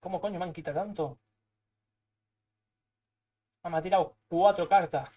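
A young Spanish streamer with a Spanish accent commentates live on his gameplay, excitable and swearing as he mutters to himself. His voice is high and moves at a normal speed, and the audio sounds dull.

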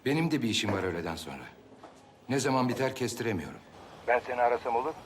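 A busy older man , as an actor plays him talks in rapid, clipped phrases with a fatherly edge. His tone stays matter-of-fact, and faint noise sits behind him. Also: medium pitch, sing-song, lightly acted. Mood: brisk. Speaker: older family friend on the phone. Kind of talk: TV drama acting.

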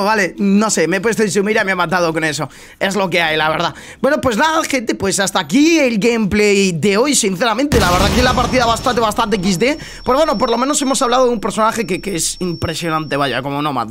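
A man's voice: high voice, fairly bright tone, a little hiss or hum. A young man with a Castilian Spanish accent giving casual gameplay commentary as a streamer. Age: young adult. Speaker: gaming streamer.

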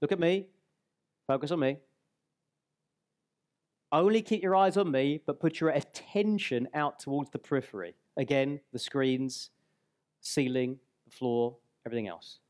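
A man in his forties giving a live seminar on a hall stage into a headset mic, guiding the audience through an exercise and slowing on key words. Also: mid-range voice, a little mellow. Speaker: speaker and trainer.

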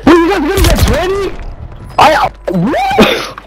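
Young guy on shooter game chat, high voice, really animated, slangy, says stuff over and over. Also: heavy background noise. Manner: excitable, slangy, repeats phrases rapidly. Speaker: squad player in an online shooter. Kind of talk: casual gaming squad chat.

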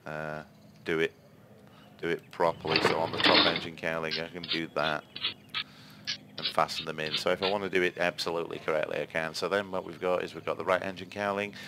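A very deep-voiced man talks through a game step by step, chatty and explanatory. His voice sits low, and a loud hiss runs under the whole recording. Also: level tone, fairly quick, gravelly. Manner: chatty, explains step by step with frequent "yeah?" asides. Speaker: game reviewer. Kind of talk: gameplay commentary.

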